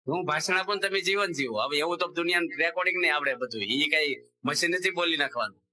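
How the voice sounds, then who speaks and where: A Gujarati swami preaching with a very bright, sharp tone that sits a little high for a man. He tells stories and slips into the voices of the people in them. His delivery rises and falls with each anecdote. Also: poor audio. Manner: animated storyteller, voicing characters in quoted dialogue. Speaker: swami giving a religious discourse. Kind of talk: sermon with storytelling.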